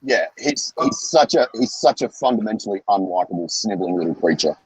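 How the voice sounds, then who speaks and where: A man's voice: on the low side, animated, fairly quick, darkish tone, slightly rough, dry recording, low-quality recording. A man on a breaking-up, glitchy call line, talking bluntly and scornfully in casual political chat. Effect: glitchy call audio breaking up. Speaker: guest on call. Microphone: phone call while travelling.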